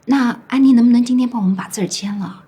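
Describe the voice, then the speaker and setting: A woman's voice: fairly high pitch, quick pace, mellow, breathy edge. An actress playing a businesslike female colleague who reports marketing figures and asks for a budget. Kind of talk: TV drama acting.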